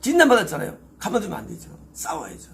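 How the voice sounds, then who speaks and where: A man's voice: high voice, huge pitch swings, quick pace, creaky, a bit bright, slight background noise. A male pastor preaching an expository sermon, emphatic, asking rhetorical questions and answering them himself.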